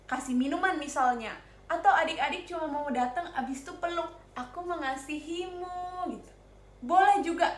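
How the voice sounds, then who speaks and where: A woman with an Indonesian accent teaching Sunday school, telling a story to young children in an animated, sing-song way and asking them questions. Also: high voice, fairly quick, roomy sound.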